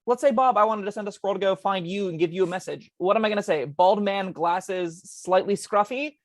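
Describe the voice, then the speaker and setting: A woman co-hosting a casual tabletop game podcast, talking in quick chatty bursts with plenty of ums. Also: mid-range voice, dry recording. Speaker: co-host discussing tabletop spells.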